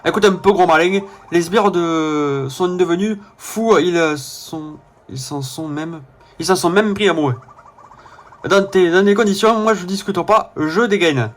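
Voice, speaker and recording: A man's voice: high voice, unhurried. A man voicing a hot-headed little game creature with an exaggerated southern French accent, talking cocky and brash.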